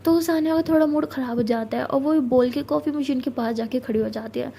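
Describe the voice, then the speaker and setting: A woman's voice: high voice, brisk, vocal fry, mellow, a little hiss or hum. A young woman narrating a love story in a casual, chatty way, mixing in English words.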